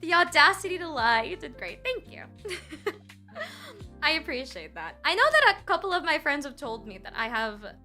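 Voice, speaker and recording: A young-sounding woman streamer with a high, bright voice chats casually with her viewers and breaks into giggles every few lines. Her pitch swoops up and down with lively expression as she rambles and restarts her thoughts close to the mic, with faint music playing behind her. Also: moderate pace. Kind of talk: casual livestream chat with viewers. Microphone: close desk mic.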